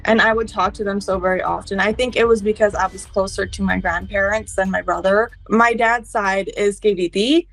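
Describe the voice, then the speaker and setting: A young woman who grew up speaking Fiji Hindi talks casually and earnestly about her own life. Her voice has a noticeable creak, and music plays underneath. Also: mid-range voice, fairly even intonation, normal speed, hardly any pauses, a bit bright, rough recording. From Fiji or Fijian diaspora family. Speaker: interviewee. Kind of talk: personal storytelling, casual talk.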